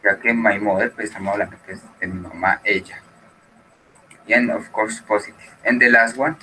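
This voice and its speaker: A man's voice: on the low side, fairly even intonation, normal speed, sharp tone, slight background noise, low-quality recording. A man teaching an English class who explains patiently and switches between Spanish and English.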